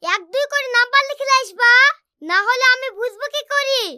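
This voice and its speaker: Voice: very high-pitched, moderate pace, sharp tone, dry recording, studio quality, full character voice. A performer voicing a cheeky, mocking village cobbler in a comic cartoon.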